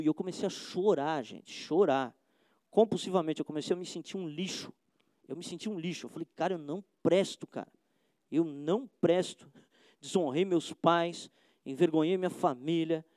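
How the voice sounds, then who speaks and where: Impassioned high-voiced Brazilian pastor. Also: male voice, warm tone, dry recording. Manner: impassioned, slangy, repeats "cara" often. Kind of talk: sermon.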